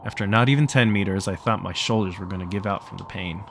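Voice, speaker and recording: A man's voice: low-pitched, quick pace, creaky, slight background noise. A man reading a visual novel's text aloud for a let's play, narrating plainly and stopping now and then to joke and laugh. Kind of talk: reading game text aloud with casual asides.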